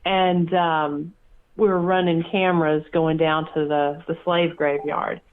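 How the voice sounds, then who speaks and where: A man's voice: on the high side, a little slow. Man on a tinny phone line. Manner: relaxed, with fillers and repeated words. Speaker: podcast host. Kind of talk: casual interview chat.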